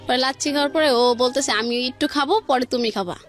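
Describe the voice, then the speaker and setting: In a radio studio with faint music playing behind her, a woman with a Bangladeshi accent tells a personal story informally and colloquially, linking events with quoted dialogue. Her voice is high-pitched and her delivery brisk.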